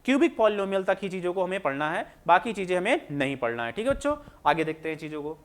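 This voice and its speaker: A man. He keeps asking the class questions and answering them himself, repeating each point in a patient, drawn-out way. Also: high-pitched, big pitch swings. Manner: repetitive, asks students questions then answers them. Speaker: maths teacher. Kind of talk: classroom lecture explaining on screen.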